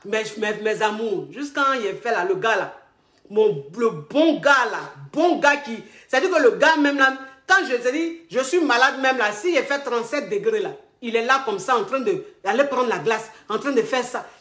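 A woman with an Ivorian French accent tells comic stories as a relationship coach. Her voice sits a little high and swings widely as she acts out each exchange, laughing and repeating herself. The sound carries a roomy echo. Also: lively intonation, moderate pace, a bit bright. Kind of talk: animated comic storytelling. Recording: echoey room.

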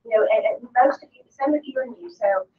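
A woman's voice: high voice, animated, fast. A woman raised in the country, leading a board meeting and speaking with enthusiasm and some teasing. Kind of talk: meeting remarks. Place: conference room. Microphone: far room mic. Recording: distant, dull room recording with faint noise.

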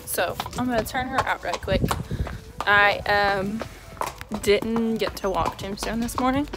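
A woman's voice: mid-range voice, unhurried, music in the background. A young woman vlogging casually outdoors at her horse barn, chatty and self-amused, sometimes talking with her mouth full. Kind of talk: casual chat while doing chores.

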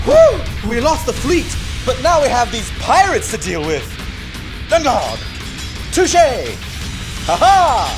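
Excitable high-pitched boyish alien puppet. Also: female voice, takes it slowly, full character voice. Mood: excited. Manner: exclamatory, stammering, dramatic. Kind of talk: children's puppet show acting. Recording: music behind the voice.

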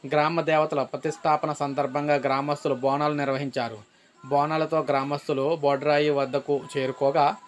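A man reading a local news update for his channel, steady and plain, now and then correcting himself. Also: medium pitch, slight background noise. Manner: flat, steady delivery with a self-correcting slip.

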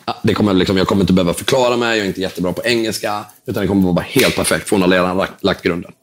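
An entrepreneur appears as a guest in a casual interview, telling an animated story and acting out the dialogue. He sprinkles in English words and the occasional swear, and his voice sits low with a little hiss or hum.

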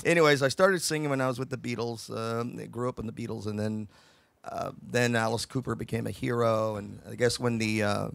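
An older man, the band's singer, answering interview questions in a relaxed, rambling, self-deprecating way. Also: mid-range voice, brisk, vocal fry, dry recording. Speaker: singer of the band.

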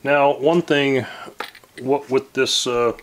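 Recorded a few feet away in a home workshop with slight background noise, this forties-aged woodworking host talks slowly at medium pitch. His casual tutorial wanders, packed with fillers, restarts and self-corrections.

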